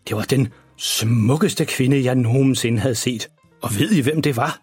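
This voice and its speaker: A man with a medium-pitched, darkish, slightly rough voice plays an embarrassing, boastful father in a children's story, rambling through one tall tale after another. The recording has no room sound, with faint music in the background.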